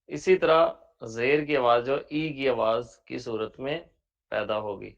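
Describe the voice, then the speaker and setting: A man teaching a Braille class online, slowly spelling out each word letter by letter, patient and repeating his examples. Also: medium pitch, fairly even intonation, creaky, dull audio. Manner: spells out words letter by letter, slow and deliberate.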